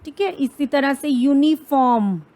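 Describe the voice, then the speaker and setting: A woman with an Indian accent teaches grammar for exam prep, her voice set high. She talks slowly, puts questions to her students and answers each one herself, and drops English phrases into her explanations. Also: a little mellow. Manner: asks the class questions and answers them herself; reads English examples slowly and deliberately.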